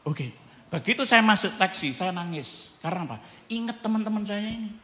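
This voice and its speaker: A male pastor, preaching a testimony sermon as an animated storyteller who acts out dialogue and sound effects. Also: high voice, brisk, in a large hall.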